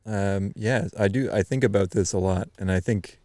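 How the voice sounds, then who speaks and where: A man from eastern Canada, a podcast guest, telling a story in a loose, animated way with many ums and restarts. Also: fairly low pitch, normal speed, no echo, studio quality. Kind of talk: casual storytelling chat.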